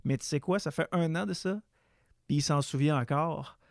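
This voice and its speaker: A Québécois man, a father, telling a personal story in a casual discussion, halting and stumbling over words. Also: on the high side, vocal fry, no room sound, studio quality. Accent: Québécois French.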